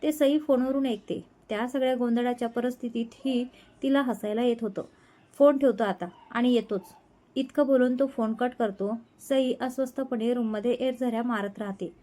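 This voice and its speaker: A woman storyteller narrating a romance serial in a gentle, even manner. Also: a little high, moderate pace.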